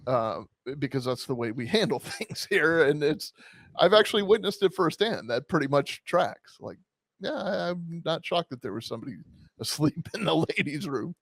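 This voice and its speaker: A man's voice: fairly high pitch, animated, moderate pace, gravelly, a bit bright, no echo. A man co-hosting a casual commentary chat in a wry, joking way. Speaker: commentary show co-host.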